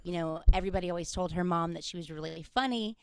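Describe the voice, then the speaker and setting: A woman's voice: fairly low pitch, clean tone, no room sound. A woman, telling self-deprecating comic stories as a guest comedian over a video call. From Mississippi, US. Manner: chatty, self-deprecating, quick asides. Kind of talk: stand-up style comic storytelling.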